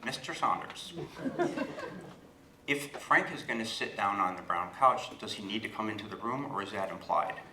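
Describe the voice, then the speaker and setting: A man's voice: on the low side, lively intonation, normal speed, background noise. A man voicing a polite, exacting female nun who questions every word, recorded in a roomy hall from a distance. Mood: prim questioning.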